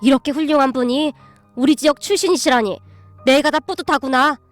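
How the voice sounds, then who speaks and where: Woman doing a fawning older man, effusive landowner father, storybook, high voice, faint music. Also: fairly quick, no room sound, natural voice. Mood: proud.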